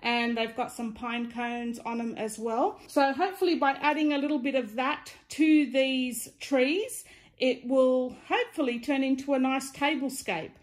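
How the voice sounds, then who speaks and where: A woman's voice: high-pitched, normal speed. An Australian woman giving a casual, chatty craft tutorial, with a slight lisp from wearing retainer-style aligners in her mouth. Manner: informal, chatty demonstrating while handling items. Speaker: DIY craft vlogger.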